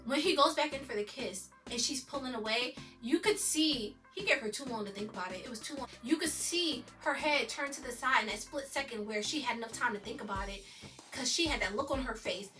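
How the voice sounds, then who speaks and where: Bright high-voiced woman gushing over a TV episode. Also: far from the mic. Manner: excited, chatty, slangy, addresses viewers as y'all. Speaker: TV episode recapper. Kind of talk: casual recap and review.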